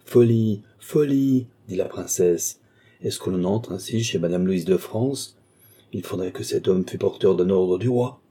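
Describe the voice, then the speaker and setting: A man reading an audiobook, voicing a calm, dignified royal princess. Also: deep voice, measured pace, breathy edge, heavily acted. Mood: firm.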